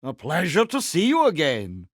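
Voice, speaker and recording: Captain Hook, a high, swooping, pompous pirate villain. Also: male voice, huge pitch swings, normal speed, dry recording, clean studio sound. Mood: smug, courtly. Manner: pompous, grandiloquent, theatrical delivery. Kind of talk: video game character voice lines.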